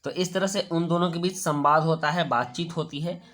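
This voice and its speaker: A man's voice: fairly high pitch, fairly even intonation, fairly bright tone. Patient male teacher explaining a worksheet. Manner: patient, explaining step by step, repeating words slowly. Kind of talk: worksheet lesson for children.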